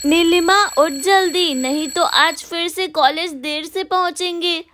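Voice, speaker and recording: A woman's voice: extremely high pitch, a little slow, noisy background. A woman voicing an impatient young college girl in a storybook tale.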